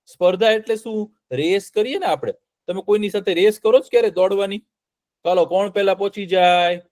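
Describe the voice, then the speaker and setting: A man tells a children's story. He is animated and keeps checking in with his young listeners through questions. His voice is high for a man. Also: a little fast.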